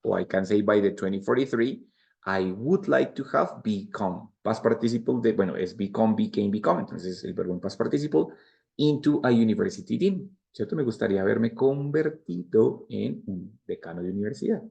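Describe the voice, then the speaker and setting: Gravelly Spanish-accented male English teacher. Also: on the low side, lively intonation, a little fast, a little mellow. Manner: patient, explains step by step, repeats examples. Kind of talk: bilingual grammar lecture.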